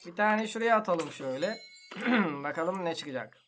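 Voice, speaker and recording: Exasperated high-voiced gaming host. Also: male voice, expressive, moderate pace, fairly bright tone, faint music behind. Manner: exasperated, complaining, slangy. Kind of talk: casual gameplay commentary.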